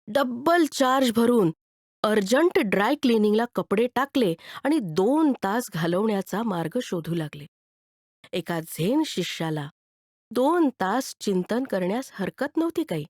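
A woman narrating a written story with expressive delivery. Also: mid-range voice, dry recording, studio quality. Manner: expressive, animated.

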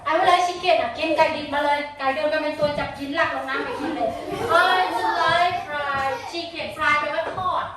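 Brief: woman primary teacher running a slow repeat-after-me drill, very high voice, heard from across a noisy classroom. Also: fairly even intonation. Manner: says words slowly for pupils to repeat; coaxing, calls pupils "child". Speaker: primary school English teacher. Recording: echoey room, distant mic, noisy. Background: children chanting and chatter.

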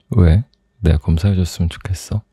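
A young man in a soft, intimate ASMR role-play as a teasing, doting boyfriend, close to the microphone. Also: low-pitched, slightly rough, no echo. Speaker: ASMR performer playing a boyfriend.

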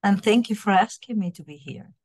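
A middle-aged Puerto Rican woman, a university diversity director, answers interview questions as a guest on a video call from a small room at home, using her laptop webcam. Her voice is medium in pitch with a darkish tone, a little fast, and there's no room sound. She's earnest and often repeats words while searching for her phrasing.

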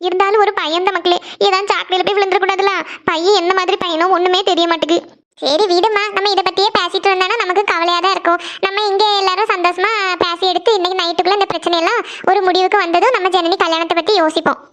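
A woman's voice: very high-pitched, steady tone, quick pace, fairly bright tone. A woman voicing an anxious mother fretting about her daughter's marriage in a cartoon. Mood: worried. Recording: dull lo-fi recording.

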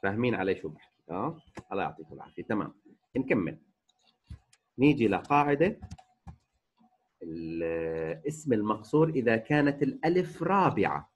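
A man teaching a remote grammar lesson, slowly stretching out example words and repeating each rule. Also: lowish voice, big pitch swings, breathy edge. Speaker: Arabic teacher. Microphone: recorded voice-over for a distance lesson.

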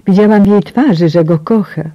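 Woman audiobook narrator, breathy and hushed, emotional first-person read, dry slightly muffled sound. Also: medium pitch, brisk, no room sound. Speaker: audiobook reader.

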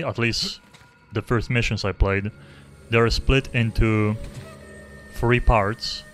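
Faint game music underlies a young man's loose, rambling play-by-play as he streams, talking into a close desk microphone that lacks a pop filter. His pitch is fairly low and his tone a bit bright.

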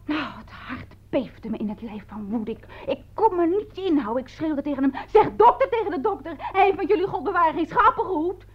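A woman's voice: high voice, fairly quick, hardly any pauses. A fiery young orphaned servant girl. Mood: agitated. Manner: excited, stammering storyteller. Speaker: household servant. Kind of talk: 1950s-style radio drama acting. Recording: dull old radio recording.

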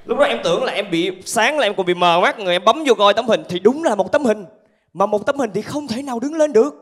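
A man with a southern Vietnamese accent performing animated stand-up storytelling to a live audience through a handheld microphone. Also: sits high, quick pace, husky. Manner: animated storytelling with acted-out asides. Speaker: stand-up comedian. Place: theatre stage with laughing audience.

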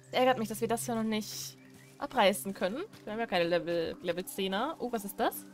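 A young woman giving casual let's play commentary, chatty and excitable, breaking into loud squeals. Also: mid-range voice, brisk, faint music behind. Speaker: gaming streamer.

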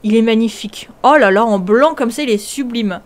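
A young woman hosting a video game, commenting excitably, often shrieking and laughing. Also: fairly high pitch, fairly quick. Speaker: gaming video host.

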